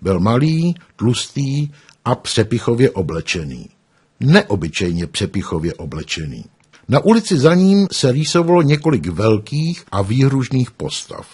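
A man reading an audiobook aloud with expressive storytelling. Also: mid-range voice, slightly rough. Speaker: audiobook narrator. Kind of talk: audiobook narration.

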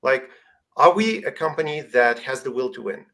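A man's voice: medium pitch, lively intonation, normal speed, sharp tone, rough recording. Earnest man speaking on a video call. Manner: earnest, restarts phrases. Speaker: guest expert on strategy. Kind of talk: webinar discussion.

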